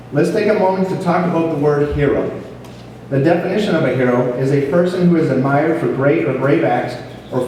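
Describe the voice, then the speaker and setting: Male speechmaker, earnest and formal, slightly high-pitched, reading prepared remarks in a very reverberant hall. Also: darkish tone. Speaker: police officer speaking as program leader. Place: large echoing hall at a school ceremony. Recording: echoey hall from far off, faint noise.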